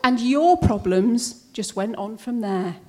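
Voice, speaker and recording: A woman's voice: a little high, animated, slow, slight background noise. A woman performing a spoken-word poem with a wry, pointed delivery. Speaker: poet.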